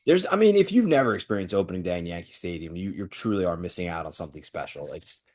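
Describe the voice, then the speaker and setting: An upbeat man co-hosts a sports podcast. His voice is fairly low, and it jumps up when he gets excited. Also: fast talker. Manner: eager and upbeat, rising excitedly. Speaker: podcast co-host. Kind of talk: casual sports podcast chat.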